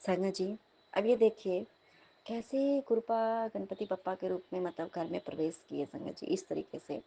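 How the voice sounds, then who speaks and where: A young woman, telling of a dream as devotional testimony in a lively storytelling manner, often turning to her listeners. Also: mid-range voice, normal speed, gravelly, a little hiss or hum. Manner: animated storytelling, repeatedly addressing listeners. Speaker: devotee sharing a dream at satsang.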